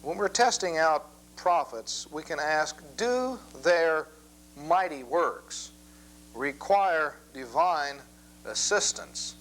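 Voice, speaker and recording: A man gives a Bible lesson in a measured, methodical lecture, reading scripture aloud. His voice sits a little high for a man. A faint hum runs under the recording. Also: expressive, fairly bright tone, poor audio. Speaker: Bible teacher.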